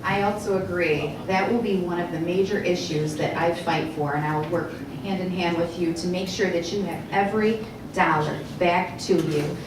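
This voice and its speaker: A woman, a candidate at a public forum, speaking in a steady, supportive way in a large echoey hall. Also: lowish voice, moderate pace, background noise. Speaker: political candidate. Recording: echoey hall, heard from far off.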